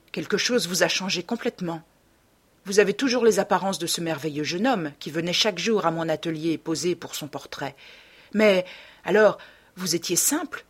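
A woman's voice: lowish voice, slightly rough. A woman reading the part of a sorrowful, reproachful male painter in an audiobook.

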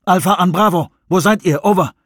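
A man's voice: high-pitched, brisk, no echo, clean studio sound, pitched above the performer's own voice, natural voice. A man reading an audiobook, voicing a curt male leader who gives orders. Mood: urgent commands. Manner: curt, commanding. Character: Jones, a male leader, cold and commanding.

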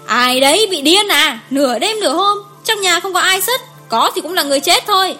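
A woman's voice: sits high, a little fast, a bit bright, soft background music. A woman voicing a blunt, sleepy young woman friend who grumbles and then soothes, in an audiobook story. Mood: grumbling. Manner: brusque, complaining, placating.

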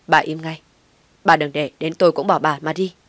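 A woman's voice: low voice, steady tone, normal speed, dry recording. Woman voicing a stern old father. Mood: stern anger. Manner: stern, weighty, shouting when angry. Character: stern, taciturn older father, rarely speaks.

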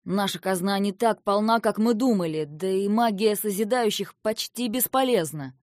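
Lady reading as a tired serious big brother prince, middle pitch, dry close sound, talks her down firmly. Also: moderate pace, darkish tone, dry recording, close to an everyday voice. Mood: persuading. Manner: firm, reasoning, pleading. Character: young male prince, weary stern older brother. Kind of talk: audiobook character reading.

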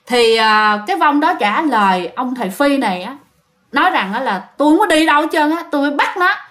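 A woman with a Southern Vietnamese accent telling a ghost story, chatty and talking straight to her listeners. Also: sits high. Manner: chatty, addressing listeners directly.

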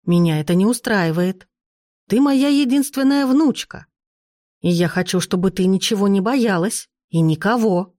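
A woman voicing an elderly duchess grandmother, imperious and sharp-tongued, who talks in slow, commanding, clipped phrases. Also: medium pitch, dry recording, studio quality, close to an everyday voice. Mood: tender.

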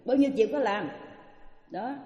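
A woman's voice: fairly high pitch, moderate pace. An older woman, a Buddhist teacher giving an anecdotal dharma talk, acting out the voices of the people in her stories. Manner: animated storytelling, acts out quoted speech. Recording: echoey hall, dull lo-fi sound.

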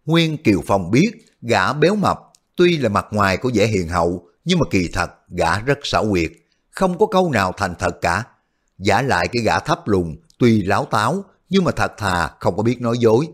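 A man narrating a martial-arts novel aloud as a steady storyteller. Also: fairly low pitch, moderate pace, breathy edge. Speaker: audiobook narrator.

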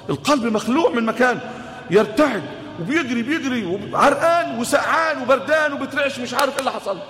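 A man with an Egyptian Arabic accent preaching a sermon, telling a story with lively rhetorical questions to the audience. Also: very high-pitched. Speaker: imam and preacher. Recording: echoey hall with long reverb.

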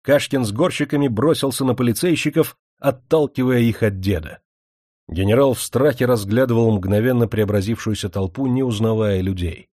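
A man reading a historical novel aloud as narrator, steady and even. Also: medium pitch, no echo, studio quality. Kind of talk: scripted audiobook narration.

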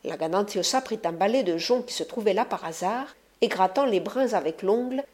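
A woman narrating a classic story as an audiobook, in a lively theatrical reading. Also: mid-range voice, moderate pace. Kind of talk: scripted literary narration.

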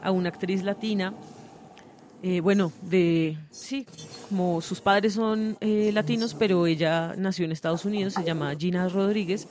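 A woman's voice: fairly low pitch, moderate pace, darkish tone. A woman hosting a conversational radio interview, explaining her thoughts at length with many hesitations. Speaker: host.

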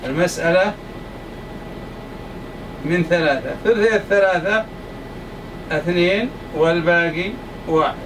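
A man's voice: high voice, measured pace, long pauses. A man teaching a class, stressing and repeating each point to his students. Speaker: lecturer. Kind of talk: classroom lecture. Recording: distant mic, faint air-conditioner hum.

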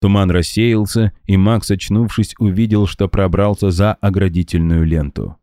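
A man narrating an audiobook in an expressive storytelling style. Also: low voice, moderate pace, no room sound, clean studio sound. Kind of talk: scripted narration.

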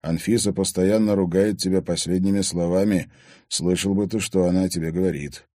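A man reading an audiobook, voicing a serious, calm middle-aged father. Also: low-pitched, moderate pace.

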